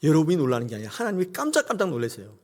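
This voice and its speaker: A middle-aged male pastor preaching a sermon and acting out scenes with sudden high cries. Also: very fast. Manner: animated, acts out God's voice with sudden high cries.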